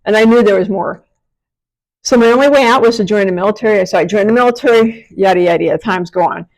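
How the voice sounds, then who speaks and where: A woman's voice: mid-range voice, fast, darkish tone, poor audio. A middle-aged American woman with a slight speech impediment on her R and S sounds, the R leaning toward W, giving a frank, colloquial, self-deprecating motivational monologue. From small-town Pennsylvania, United States. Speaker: podcast host and women's empowerment coach.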